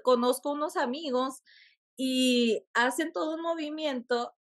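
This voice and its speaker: Female podcast guest, slightly high voice, animated storyteller, laughs easily. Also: unhurried. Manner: animated, laughs often while telling a story. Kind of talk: casual storytelling conversation.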